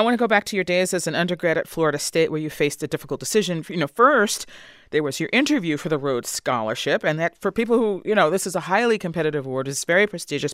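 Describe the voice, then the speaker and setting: A man's voice: on the high side, fairly bright tone, no room sound, clean studio sound. A man hosting a broadcast interview, asking questions in a conversational way. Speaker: radio interviewer.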